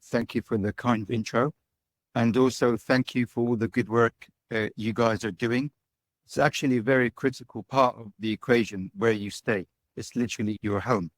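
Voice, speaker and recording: A middle-aged British man, a digital nomad and business owner, gives chatty, casual answers as an interview guest. His mid-range voice has fairly even intonation at normal speed with no echo, and he tags his points with "right?" and "you know."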